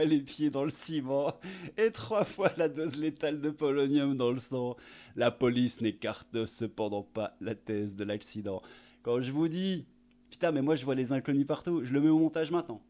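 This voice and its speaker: A man's voice: mid-range voice, a little mellow. A man giving sarcastic, crude comedic news commentary as a YouTube host, full of fillers and asides.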